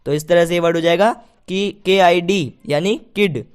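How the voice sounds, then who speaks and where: A man's voice: high-pitched, normal speed, clear, resonant tone. A man teaching English pronunciation, patiently repeating each point and asking it back as a question. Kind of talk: spoken lesson.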